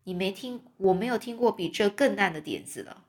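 A woman voicing a gruff, scheming male sailor who talks bluntly and scolds his shipmates. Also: medium pitch, expressive, brisk. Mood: gruff, scolding.

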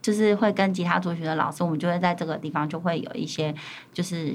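A woman's voice: on the low side, fairly even intonation, quick pace, slight background noise. A woman teacher from Taiwan's Paiwan community, chatting in an interview and acting out little quoted exchanges. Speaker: elementary school teacher and administrator. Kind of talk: conversational interview answers.

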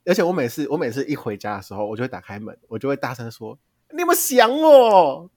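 Lively young Taiwanese man telling stories. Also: mid-range voice, racing, dry recording. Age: young adult. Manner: animated storytelling, laughs often, exaggerated tone. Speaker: podcast co-host. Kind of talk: casual chat.

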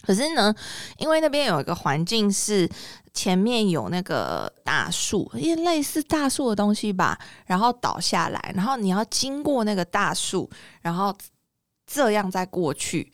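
A woman with a Taiwanese Mandarin accent telling a story in casual podcast chat, animated and expressive. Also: mid-range voice, normal speed, no echo, clean studio sound. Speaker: podcast co-host.

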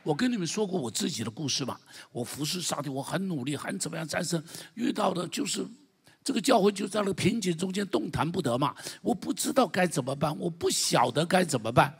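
An older male pastor with a Taiwanese Mandarin accent preaches with fervor, dropping to soft storytelling and then rising to loud declarations. His voice sits fairly high, with a gravelly, husky edge. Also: expressive, brisk. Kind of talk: sermon.

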